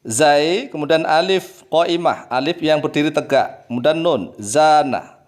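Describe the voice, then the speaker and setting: A man's voice: a little high, measured pace. Preacherly man drilling Arabic words. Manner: preacherly, repeats key words and drills pronunciation. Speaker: Arabic grammar teacher. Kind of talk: religious lesson.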